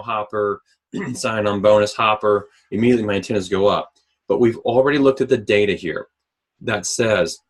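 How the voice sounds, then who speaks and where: A man giving a business presentation on recruiting to a sales team, asking them questions and often clearing his throat, close to the mic on a call. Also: lowish voice. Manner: coaching, asks the audience questions. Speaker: mortgage recruiting trainer. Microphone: close mic, remote call.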